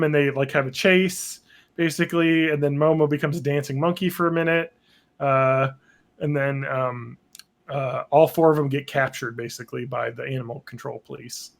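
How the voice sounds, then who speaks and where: A man's voice: on the high side, gravelly. A man co-hosting a podcast, chatting casually and rambling, swearing freely and laughing often. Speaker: podcast co-host. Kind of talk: casual chat.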